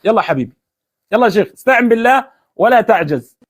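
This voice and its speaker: Fast, insistent Egyptian male debater. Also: high-pitched, animated, slight background noise. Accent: Egyptian Arabic. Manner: insistent, repeats his question, taunting. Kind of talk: heated religious debate.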